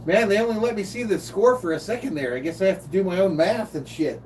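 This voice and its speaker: An older man streams laid-back play-by-play of a game, chatting casually with viewers in a voice that sits high and moves quickly. The mic is distant, with faint room noise.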